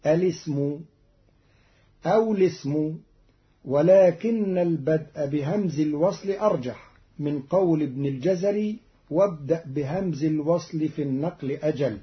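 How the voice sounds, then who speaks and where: A man with a slightly high voice explains Quran recitation variants in measured, scripted narration. He pauses to recite each verse slowly in melodic tones. The recording is dull and lo-fi.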